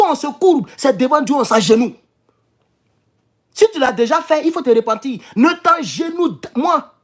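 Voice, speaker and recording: A man, speaking in an impassioned monologue to his followers. He is emphatic, repeats phrases, and stumbles and restarts as he goes. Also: very high-pitched. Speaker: political YouTuber.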